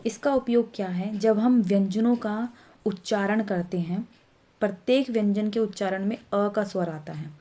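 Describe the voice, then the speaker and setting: Teaching Hindi grammar to young children, a female teacher patiently goes over letters at a moderate pace. Her medium-pitched voice is mellow, and she repeats points and corrects minor mistakes.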